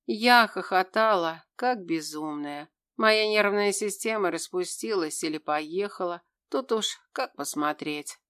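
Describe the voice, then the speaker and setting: A woman giving scripted first-person narration of an audiobook in an even, steady reading. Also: lowish voice, unhurried, hardly any pauses, clear, resonant tone.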